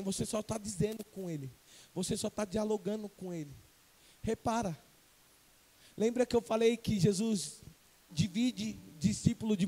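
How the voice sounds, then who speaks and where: A man from Brazil preaching a sermon as an evangelist, swinging from loud to hushed and questioning the congregation. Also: sits high. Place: church sanctuary. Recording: long church reverb.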